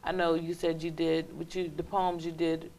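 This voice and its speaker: A woman hosting a casual interview, effusive and upbeat, often getting loud and high with enthusiasm. Her usual voice sits fairly low, with faint noise behind her. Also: level tone, normal speed. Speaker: host.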